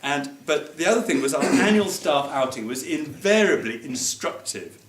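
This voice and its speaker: A man's voice: on the high side, big pitch swings, normal speed, fairly bright tone. A man giving an anecdotal memorial speech at a reception, wry and often laughing as he digresses. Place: museum reception room. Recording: echoey room with background noise.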